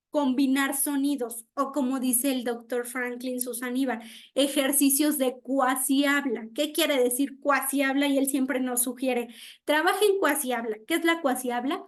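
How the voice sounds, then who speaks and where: A woman giving an online speech therapy lecture. She explains with everyday examples, often checks in with "¿no?", and acts out how children mispronounce words. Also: sits high.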